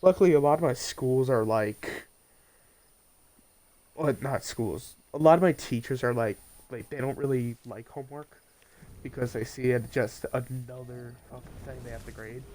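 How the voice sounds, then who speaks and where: A teenage male livestreamer talks casually and wanders off topic while gaming, at normal speed in a medium-pitched, slightly mellow voice. He sounds nasal and congested because of post-nasal drip.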